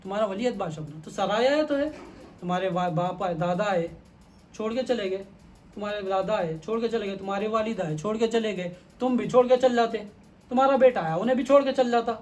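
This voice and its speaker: Man playing patient wise holy man asking questions, high voice. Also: darkish tone, a little hiss or hum, lightly acted. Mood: instructive.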